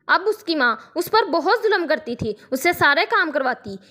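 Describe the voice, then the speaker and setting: High-voiced woman telling a dramatic tale. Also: big pitch swings, sharp tone. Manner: earnest, dramatic. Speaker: storyteller. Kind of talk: scripted narration of a moral tale.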